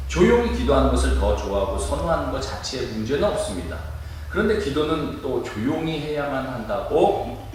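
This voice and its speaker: A male pastor preaching a sermon in a church, lively and demonstrative, acting out loud cries to make his point. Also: medium pitch, a little hiss or hum. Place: church sanctuary. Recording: echoey room, mic at a distance.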